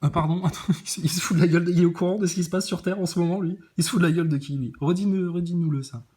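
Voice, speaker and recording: A man mocking video clips in a scornful reaction commentary. His voice sits slightly high but sounds mellow, with muttered asides and sudden outbursts. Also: fairly even intonation, very fast, slightly rough.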